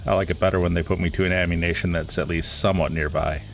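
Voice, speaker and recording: A man with a very low voice talks through his game in a loose, rambling way as a streamer. He sounds stuffy and congested from a cold. Faint music plays behind him. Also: quick pace, creaky. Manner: casual, rambling, relaxed. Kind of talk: live gameplay commentary.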